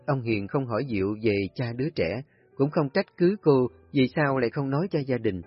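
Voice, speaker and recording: A man calmly narrating a family story in a steady storytelling voice. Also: mid-range voice. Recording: husky voice, dull lo-fi audio, faint music.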